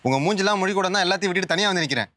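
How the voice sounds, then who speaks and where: Bitter betrayed young man, cold and cutting, rapid-fire, music behind, played by an actor. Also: high voice, pushed and bright. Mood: bitter angry. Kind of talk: drama dialogue.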